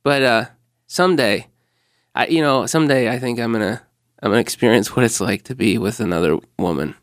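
A male comedian in a casual podcast chat, with a natural quaver in his voice and a deadpan, absurd way of joking. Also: medium pitch, a little fast, no room sound, studio quality. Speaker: comedian guest. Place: home state Pennsylvania.

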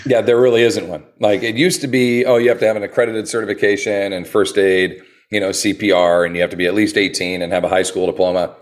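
A personal trainer from the US, with a lowish voice, talks fast and with few pauses in a casual interview. He's earnest, telling lively stories full of restarts.

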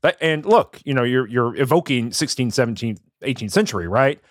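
A man co-hosting a podcast, chatting casually about a book, rambling with many fillers and quick laughs. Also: mid-range voice, expressive, dry recording, studio quality. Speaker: podcast co-host.

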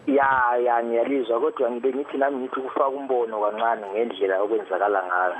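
A man with a Zimbabwean Ndebele accent gives his view as a phone-in caller. He talks quickly but haltingly, often repeating word beginnings. The line is thin and tinny, with clear noise behind him. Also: medium pitch, steady tone. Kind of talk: giving an opinion on a live call-in. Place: phone call.

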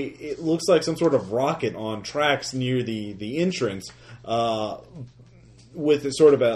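Halting man running a tabletop game. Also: mid-range voice. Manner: halting, full of uh and restarts. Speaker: game master.

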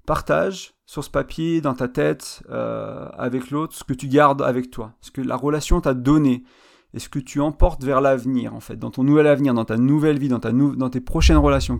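A man with a heavily gravelly, creaky voice hosts a podcast. He talks to the listener in an informal advice monologue and walks through ideas step by step. His pitch sits in an ordinary middle range. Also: a little mellow. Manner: informal, addresses listener directly, explains step by step. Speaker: podcast host.

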